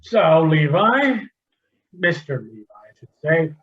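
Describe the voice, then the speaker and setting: An actor playing a flustered, old-fashioned dad in a comedy sketch, stammering and drifting off topic. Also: male voice, a little high, sing-song, takes it slowly, fairly bright tone, muffled recording, heavily acted. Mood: fatherly. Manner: flustered, easily sidetracked, stammering. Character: rambling old-fashioned middle-aged dad. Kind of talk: amateur comedy sketch acting.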